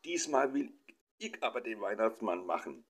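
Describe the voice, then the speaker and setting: Man reading as a cheeky nine-year-old boy, Berlin accent, whiny, insistent, pitched up high. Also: sing-song, measured pace, heavily acted. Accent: Berlin dialect.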